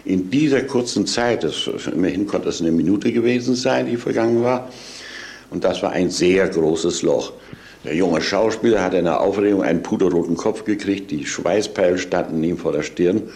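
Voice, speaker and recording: A man's voice: low-pitched, moderate pace, darkish tone. An older man, an actor, telling an anecdote from memory as a reminiscence. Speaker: actor recalling his radio work.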